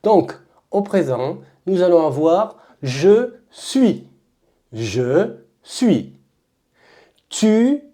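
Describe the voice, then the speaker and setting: With a warm tone and a voice on the low side, a woman with a French accent teaches conjugations as a drill. Each verb form comes out slowly and emphatically and is said again.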